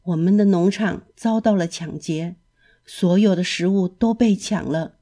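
A woman voicing a grieving old male rooster, speaking slowly and mournfully. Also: on the low side, warm tone. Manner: slow, mournful.

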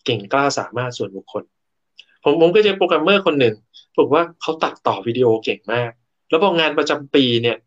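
A man's voice: medium pitch, expressive, fairly quick, highs cut off. A man giving a casual talk about workplace motivation. He explains step by step, tells stories from his own work life, and often restarts his words. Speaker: co-host and speaker.

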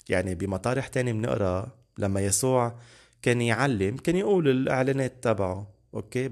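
Gravelly-voiced preacher. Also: male voice, medium pitch, darkish tone. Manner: earnest, repeats key words for emphasis. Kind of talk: podcast Bible teaching.

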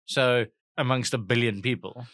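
Bright teasing man. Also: mid-range voice, steady tone, no echo, studio quality. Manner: teasing, quick to laugh. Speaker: podcast co-host. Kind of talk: casual comedic chat.

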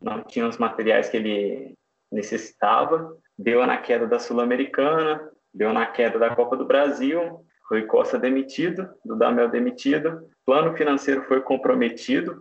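A man talks as a guest, explaining casually. His voice is creaky, with plenty of fry, and the recording is roomy and dull. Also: mid-range voice, normal speed. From São João del Rei, Minas Gerais, Brazil. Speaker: podcast guest, fan page editor.

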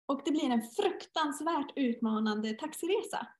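A middle-aged woman in a casual podcast conversation, telling personal stories and acting out her inner dialogue. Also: fairly high pitch. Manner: storytelling, acts out inner dialogue. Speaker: guest teacher. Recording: roomy echo.

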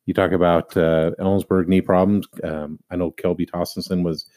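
A man's voice: low-pitched, little pitch movement, moderate pace, dark tone. A middle-aged man co-hosting a local sports radio show, talking in a loose, rambling way with lots of fillers. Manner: rambling, many fillers and restarts. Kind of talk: casual sports talk.

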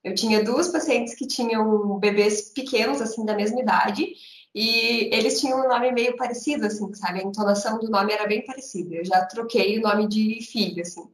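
A woman psychologist talks casually and frankly, reflecting on her work with plenty of conversational fillers. Her pitch is middling, and the room carries a noticeable echo. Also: moderate pace. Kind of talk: casual chat.

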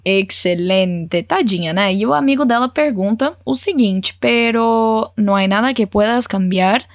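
A woman's voice: medium pitch, no echo, studio quality. Encouraging woman teaching Spanish phrases. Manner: encouraging, models phrases slowly and clearly. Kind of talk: language lesson with repeat-after-me drills.

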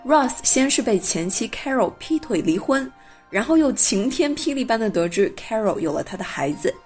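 A young woman hosting a bilingual English lesson, slowly and carefully modelling pronunciation and explaining phrases. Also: on the high side, big pitch swings, darkish tone, soft background music. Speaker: English teacher and podcast host.

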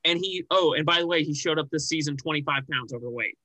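A young man co-hosting a casual sports podcast, rambling and animated with many restarts and fillers. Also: on the high side, fast talker, dry recording, poor audio. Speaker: podcast co-host.

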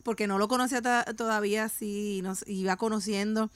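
A woman's voice: mid-range voice, a little fast, clean tone, dry recording. A woman telling a casual story on a chat panel, often saying "o sea". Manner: lively, fills with "o sea" and acts out quotes. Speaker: panel guest.

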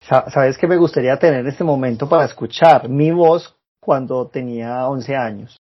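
A man's voice: medium pitch, moderate pace, breathy edge, lo-fi sound. A man co-hosting a podcast, chatting casually and laughing often. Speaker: podcast co-host. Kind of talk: casual chat.

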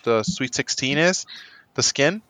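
A man's voice: mid-range voice, expressive, unhurried, a bit bright, no echo. A man co-hosting a podcast, rambling in casual, swearing banter with friends. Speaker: podcast co-host. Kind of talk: casual chat.

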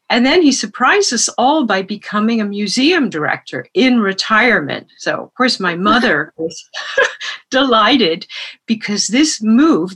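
A woman's voice: medium pitch, a bit bright, breathy edge. A woman from France telling her story as a guest in an interview over a remote call, often laughing lightly.

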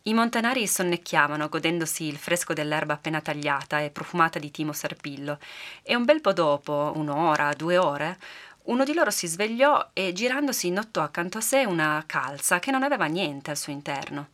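A woman narrating a folk tale for a podcast in a lively, expressive storytelling manner. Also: sits low, brisk.

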